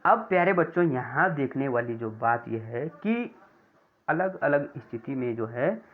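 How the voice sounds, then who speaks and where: A man's voice: mid-range voice, lively intonation. Male language teacher, patient classroom delivery, repeats and self-corrects, recorded on a narrow phone-like line. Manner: slow, repeats words, corrects himself with "sorry". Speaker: Sanskrit teacher. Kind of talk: classroom lesson explaining grammar. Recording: tinny phone-like sound.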